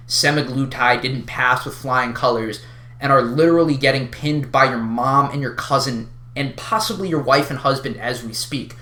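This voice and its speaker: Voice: mid-range voice, pushed and bright, echoey room. Someone on an exasperated, wild rant straight to the listener, casual, sweary and sarcastically emphatic, in an unscripted video. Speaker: online video creator addressing a community.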